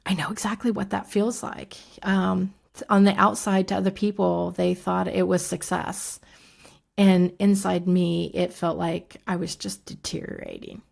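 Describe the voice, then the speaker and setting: A woman in her fifties, a somatic coach, walking through her program in a relaxed, casual way with frequent fillers and soft asides. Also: on the low side, unhurried, gravelly. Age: 50s.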